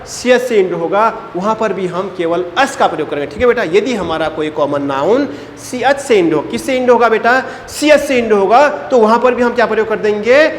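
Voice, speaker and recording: A male teacher with a fairly high voice and drills a class through grammar rules. He keeps asking and answering his own questions, calling the students beta. The sound is a roomy classroom with a long reverb tail and faint background noise. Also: lively intonation, normal speed, few pauses.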